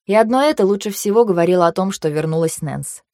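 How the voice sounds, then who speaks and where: A woman narrating a fantasy audiobook in the first person, with a measured, even storytelling manner. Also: mid-range voice, no room sound, studio quality.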